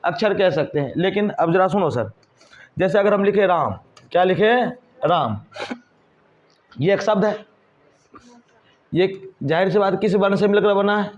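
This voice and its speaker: A man's voice: high-pitched, measured pace, long pauses. A man teaching a whiteboard grammar lesson, asking the class questions and answering them himself. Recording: dull lo-fi recording.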